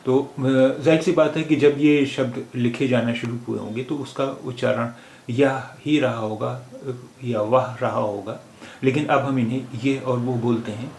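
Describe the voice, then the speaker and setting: Male language teacher, patient and hesitant, mid-pitched voice in a roomy space with a faint hiss. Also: fairly even intonation, unhurried, darkish tone. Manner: patient, thinks aloud with frequent "uh" fillers. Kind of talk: explanatory language lesson. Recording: roomy with faint background noise.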